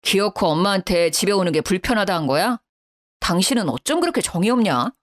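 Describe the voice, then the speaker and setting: A woman's voice: mid-range voice, animated, a little fast, close to an everyday voice. A woman voicing a young husband who answers his wife in a defensive, irritated way.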